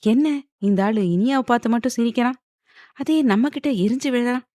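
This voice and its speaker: A woman's voice: a little high, normal speed, warm tone, dry recording, studio quality, pitched above the performer's own voice, lightly acted. Woman doing a whiny, squabbling young sister. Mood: exasperated. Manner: whiny, exasperated.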